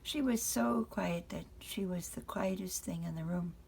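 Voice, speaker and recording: Reading a picture book to children without hurrying, a grandmother stops now and then to talk to them directly. She has a lowish, creaky, husky voice with a darkish tone.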